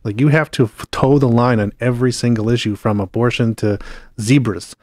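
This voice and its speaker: A man talks quickly as a guest on a political talk show. His voice sits at a middle pitch and sounds dry and close to the mic. He backs up the host's argument and presses it further. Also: fairly even intonation, a little mellow, no room sound. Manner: fast, agreeing and building on the host's point.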